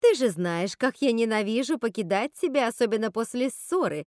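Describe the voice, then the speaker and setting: A woman's voice: on the high side, animated, moderate pace, darkish tone, dry recording, studio quality, close to an everyday voice. A woman voicing a theatrical witch mother who speaks in a syrupy, sing-song, melodramatic way. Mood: sugary. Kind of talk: audiobook character voice.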